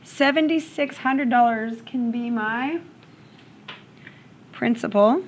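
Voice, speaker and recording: Higher-voiced woman teaching a math class. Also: takes it slowly, slight background noise. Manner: checks in with questions, frequent "okay?". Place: classroom with students.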